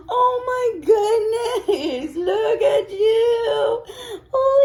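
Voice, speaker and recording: A woman coos slow, drawn-out baby talk to a puppy in a very high voice. She sounds teary, close to crying. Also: a little mellow. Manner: cooing and drawn-out.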